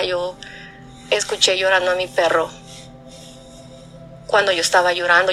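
A woman tells personal stories in a soft, heartfelt voice. Her tone is bright but stays level, with little rise and fall. Faint music plays behind her. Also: medium pitch. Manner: soft-spoken, heartfelt, halting with repeats. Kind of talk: personal storytelling.

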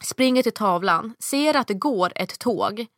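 A woman in her thirties telling a long story in casual chat, acting out the quotes in a much higher voice. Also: lively intonation, a bit bright, no echo, clean studio sound.

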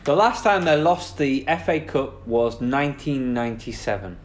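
A man with a Northern English accent, co-hosting a podcast and answering football quiz questions in an excitable, swearing, playful way. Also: medium pitch, moderate pace, slight background noise. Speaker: podcast co-host playing the quiz. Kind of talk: casual pub quiz banter.

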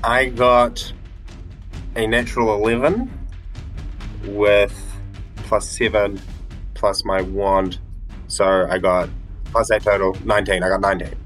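A man's voice: on the low side, little pitch movement, slow, long pauses, fairly bright tone, soft background music. A man casually playing a tabletop game, hesitant and full of fillers. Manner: hesitant, full of ums and likes. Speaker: player.

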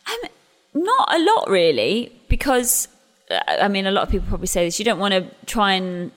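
Very animated and a little fast, an English musical theatre actress in her thirties chats about her career in an interview, her mid-range voice slightly bright. She often restarts and laughs at herself self-deprecatingly, and a long reverb tail trails her words.

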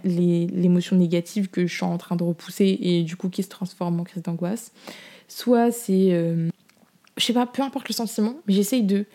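Young woman, podcast host, soft mellow tone, slightly low pitch, informal slangy speech, candid personal advice. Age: young adult. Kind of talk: casual personal chat giving advice.

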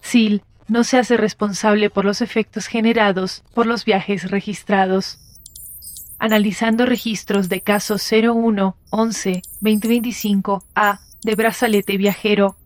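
A woman voicing a female computer system reading out data in a flat, robotic manner. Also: mid-range voice, unhurried, no room sound, soft background music, lightly acted. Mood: cold.

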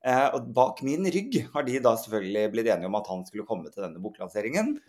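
A man's voice: fairly low pitch, big pitch swings, a little mellow. A young man co-hosting a podcast, telling a story in casual chat and acting out the quoted lines with animation. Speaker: podcast co-host.

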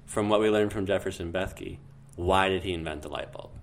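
Deep-voiced man chatting on a podcast. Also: fairly quick. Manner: relaxed, rambling, thinks aloud with fillers. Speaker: podcast co-host. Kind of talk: casual chat.

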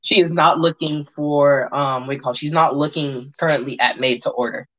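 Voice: medium pitch, steady tone, fairly quick, pushed and bright. A game master narrating a tabletop game casually, in informal, slangy language with some swearing. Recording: dull lo-fi sound.

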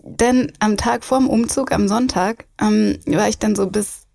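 Young woman rambling on her podcast, giggles a lot, normal mid pitch. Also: steady tone, unhurried, gravelly, darkish tone. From Germany. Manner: chatty, rambling, laughs often. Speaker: podcast host. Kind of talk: casual chat.

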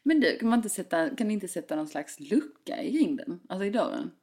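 A woman's voice: mid-range voice, big pitch swings, a little mellow. A young woman in casual chat, full of fillers and quoted exchanges. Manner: chatty, frequent fillers, acts out quoted exchanges.

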